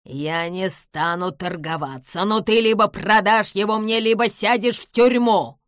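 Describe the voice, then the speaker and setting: An angry, forceful grown man barking demands, as a woman reader acts him out. He is loud and insistent, recorded dry and close. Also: lowish voice, animated, takes it slowly, dry recording. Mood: demanding.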